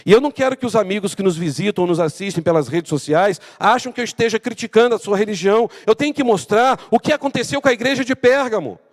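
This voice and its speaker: A Brazilian pastor preaching a Bible-study sermon, his voice sitting high for a man. He reads scripture slowly and asks the congregation rhetorical questions. A long reverb trails his words through the church hall. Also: expressive. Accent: Brazilian Portuguese.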